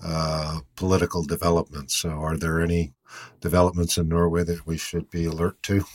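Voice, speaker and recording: A male host with a very deep voice speaks in an unhurried way, hesitating often and leaning on fillers. The sound is close and dry. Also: level tone, dry recording. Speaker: interview host. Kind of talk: conversational interview.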